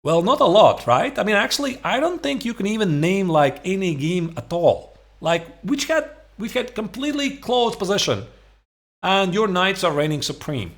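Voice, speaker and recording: A man in his forties coaches chess in a fairly high voice with very animated intonation. He explains conversationally and leans on certain points, often checking that the listener follows. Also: normal speed. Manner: conversational, emphatic, rhetorical check-ins like "right?". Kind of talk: instructional chess commentary, explaining opening lines. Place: small home room, indoors.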